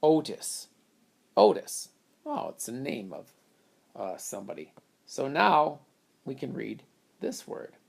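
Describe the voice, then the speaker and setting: A man's voice: medium pitch, big pitch swings, slow, vocal fry, pauses often. A man teaching a reading lesson, patiently explaining step by step how to split words into syllables. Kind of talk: phonics lesson at a whiteboard.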